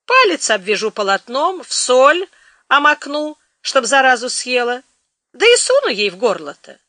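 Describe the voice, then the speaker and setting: A woman voicing a bossy, heavy-handed old village healer woman who talks in a shrill, scolding voice. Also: very animated, normal speed, pushed and bright, dry recording, studio quality, full character voice. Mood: brisk.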